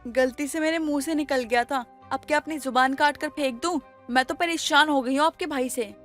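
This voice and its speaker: A woman's voice: sits high, normal speed, a bit bright. A woman voicing an exasperated young wife who complains about her in-laws. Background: background music.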